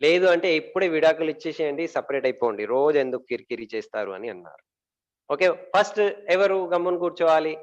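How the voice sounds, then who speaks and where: A man's voice: a little high, lively intonation. Man teaching an audience, muffled recording. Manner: asks the audience questions and answers them himself; pauses often with fillers, repeats words. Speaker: speaker giving a talk on marriage.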